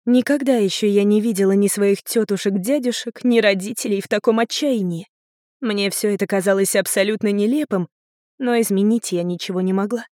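A woman narrating a first-person audiobook in a calm, even reading manner. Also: mid-range voice, a little fast, no room sound, clean studio sound.

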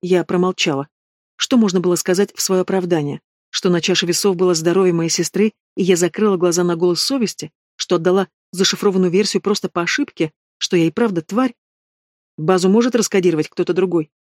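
A man's voice: high voice, fast, no echo, studio quality. A man reading a first-person novel aloud as an audiobook narrator, telling the story steadily.

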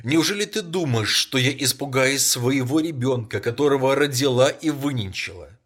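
A man with a husky voice voicing a frantic, grieving old woman who pleads in high, shrill bursts, in a storybook reading. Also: very animated, moderate pace, bright, forceful tone, exaggerated voice. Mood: desperate pleading. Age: older.

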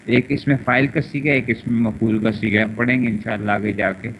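A man's voice: on the low side, steady tone. A man with a Pakistani Urdu accent giving an online grammar lesson, repeating words and drilling conjugations over and over. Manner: repetitive, drilling word pronunciations and conjugations. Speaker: teacher of Arabic morphology. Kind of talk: online classroom lecture. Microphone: internet voice chat room. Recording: lo-fi voice chat with faint noise.

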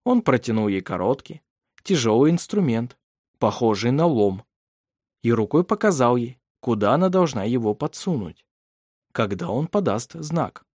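A man narrating an audiobook in a steady, measured, dramatic reading. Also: mid-range voice, no echo, studio quality.

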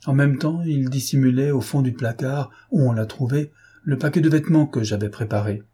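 A man reading the part of an ironic, self-assured gentleman thief in an audiobook, composed and teasing. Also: mid-range voice, brisk, breathy edge, lightly acted. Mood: arguing.

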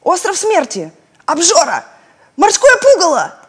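A woman voicing a bold, resolute adventurer man with a brisk manner. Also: high voice, pitched above the performer's own voice.

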